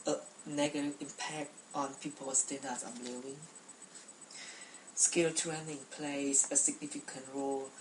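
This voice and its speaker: A woman's voice: very deep voice, roomy sound, recorded from a distance, background noise. A young woman from Cambodia giving a prepared class speech, speaking carefully with frequent restarts and repeated words.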